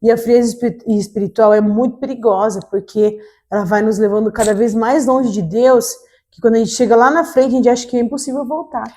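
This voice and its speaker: Mellow-voiced woman encouraging listeners. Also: a little high, fairly even intonation, brisk. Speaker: podcast co-host.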